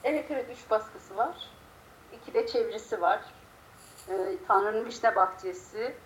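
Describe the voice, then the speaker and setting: A woman's voice: fairly high pitch, normal speed. Woman poet with a slightly strangled, muffled voice. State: a little unwell, voice slightly choked. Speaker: poet being interviewed. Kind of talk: conversational interview with a poetry reading. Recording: clear background noise.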